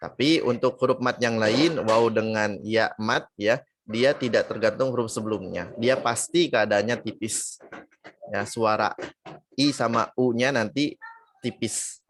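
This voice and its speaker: A man's voice: on the low side, unhurried, slight background noise. A man teaching Quran recitation in an online lesson, explaining patiently and drawing out and repeating sample syllables to show the sounds.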